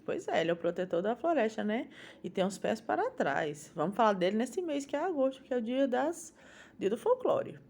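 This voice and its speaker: A woman's voice: on the high side, very animated, brisk, darkish tone. A woman with a Brazilian Portuguese accent teaching a phonics lesson to young children, patiently sounding out syllables one at a time.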